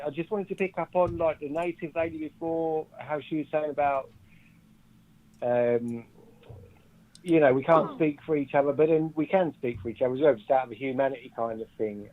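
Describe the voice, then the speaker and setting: A man calling in to a live show, talking in an earnest, rambling way. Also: mid-range voice. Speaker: caller. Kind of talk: phone-in call. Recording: tinny phone line.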